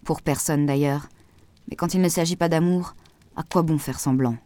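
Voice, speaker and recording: A woman voicing a calm, soft-spoken man in an audiobook, speaking gently and with measured words. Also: deep voice, no room sound, close to an everyday voice. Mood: gentle firm. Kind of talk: audiobook dialogue reading.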